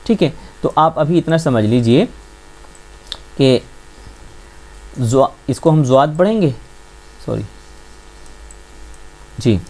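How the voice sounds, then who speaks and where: A man teaching the Urdu script as a patient teacher, asking his listeners questions and answering them himself, repeating each point slowly. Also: a little high, dark tone. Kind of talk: classroom-style script lesson.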